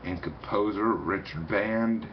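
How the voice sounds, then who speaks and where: A young man talks into a webcam in a small room, his voice deep and slow. He rambles, stumbling and repeating words as he reads aloud. The sound is dull and lo-fi, with faint noise underneath. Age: young adult. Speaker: video reviewer. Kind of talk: casual to-camera review.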